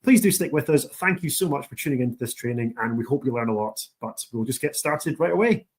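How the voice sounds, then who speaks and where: A man's voice: medium pitch, expressive, fairly quick, husky. A man with a broad Scottish accent presenting a training session, explaining things directly to viewers. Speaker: university international officer and presenter. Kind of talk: scripted-style training presentation.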